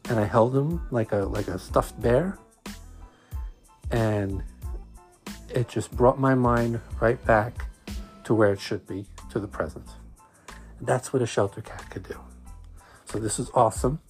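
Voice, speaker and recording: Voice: medium pitch, measured pace, pauses often, a little mellow, soft background music. A podcast host with a Brooklyn accent, talking conversationally and earnestly, repeating phrases for emphasis.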